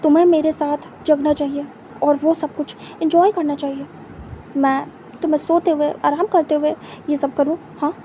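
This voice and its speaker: A woman's voice: sits high, steady tone, moderate pace, dark tone, slight background noise, close to an everyday voice. A woman voicing a young man in a spoken story, a cold, irritated lover who speaks curtly. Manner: curt, irritated.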